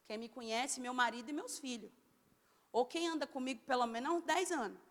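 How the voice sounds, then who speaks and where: A woman preaching a sermon, loud and very expressive. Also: high-pitched, fairly quick, long reverb tail. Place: church.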